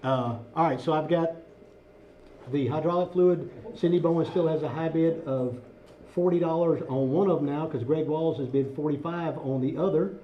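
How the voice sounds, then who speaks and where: Man, radio auction co-host, brisk bid reader, noisy recording. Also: a little high, steady tone, dull audio. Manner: brisk, teasing, rattles off bid updates. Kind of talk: live radio auction chat.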